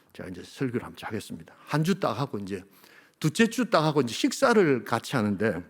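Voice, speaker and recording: A man in his fifties from the Gyeongsang region, a senior pastor preaching a sermon. He tells stories and swings between loud, emphatic lines and hushed near-whispers. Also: medium pitch. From Gyeongsang region of Korea.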